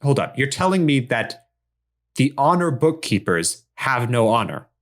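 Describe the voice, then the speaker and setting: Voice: medium pitch, very animated, measured pace. A player voicing a cheeky young male pirate who keeps firing wisecracking questions. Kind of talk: improvised tabletop role-play.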